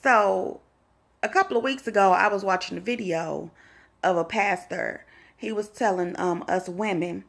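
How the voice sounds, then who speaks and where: A woman's voice: medium pitch, moderate pace, creaky. A young woman in a sassy, conversational opinion vlog, speaking. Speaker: vlogger.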